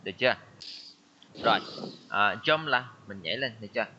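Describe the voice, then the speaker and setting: A man's voice: on the low side, lively intonation, a little fast, bright, forceful tone. A male teacher running an online language class, patiently drilling words and repeating them for pupils. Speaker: English teacher. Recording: dull lo-fi audio with noise.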